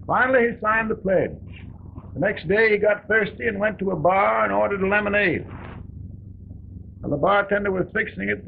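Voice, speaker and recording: Gravelly early talkie Abraham Lincoln. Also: male voice, sits high, full character voice. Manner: homespun, deliberate storytelling. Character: Abraham Lincoln, weary, folksy, merciful wartime president. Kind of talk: early talkie film acting. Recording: tinny, noisy early sound film track.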